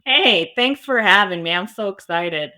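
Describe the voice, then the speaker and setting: A guest on a podcast interview recorded in the Las Vegas area, this woman founded a cybersecurity school and comes from an Arabic-speaking country, Arabic being her first language. Her bright voice is medium-pitched and lively in intonation, and she speaks unhurriedly.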